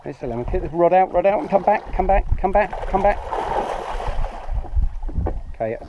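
A man's voice: sits high, animated, moderate pace, highs cut off. A man talking casually as he coaches someone through reeling in sharks from a small boat at sea, filmed on an action camera. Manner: coaching and narrating while fishing. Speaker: fishing channel host. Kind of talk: casual on-the-spot commentary. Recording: wind and water noise.

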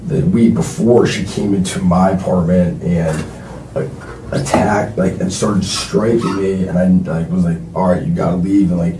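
A young man under police questioning, talking haltingly and filling nearly every phrase with "like". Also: low-pitched, warm tone. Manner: halting, filler-heavy, constantly says like. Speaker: suspect being questioned. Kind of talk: police interrogation. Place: police interview room. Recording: roomy distant recording with faint noise.

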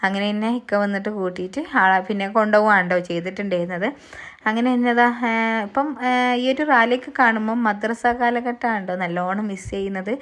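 A woman's voice: medium pitch, fairly even intonation, quick pace, fairly bright tone. A young woman from Kerala, chatting through a casual voice-over of her day and tagging her sentences with a friendly "tto". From Wayanad, Kerala. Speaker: vlogger.

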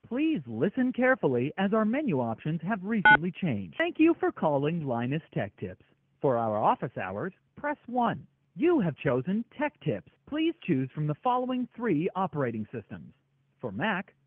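A man's recorded phone menu message, read as a formal scripted announcement of menu options, played down a phone line. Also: fairly high pitch. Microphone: heard down a phone line. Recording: tinny phone line with loud line noise.

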